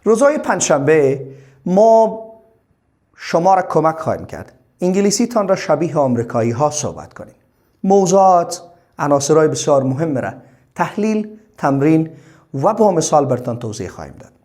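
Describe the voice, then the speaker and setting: Guy teaching pronunciation, voice swings up and down a lot, says each word slow twice. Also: a little high, sing-song, a little mellow. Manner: slow, drawn-out model words, repeated for drilling. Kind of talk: bilingual lesson.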